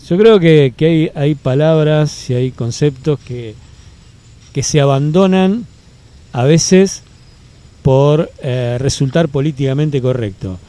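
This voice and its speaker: A man in his forties with an Argentine accent answers a political interview outdoors, measured and full of fillers, building emphatic lists. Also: a little high, warm tone. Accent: Rioplatense Spanish. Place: outdoors in a city park. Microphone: handheld mic held by interviewer.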